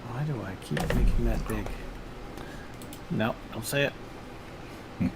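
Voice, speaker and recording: A man's voice: mid-range voice, takes it slowly. A man running a tabletop game as game master, narrating casually and thinking aloud about the rules. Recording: noisy room, steady background noise.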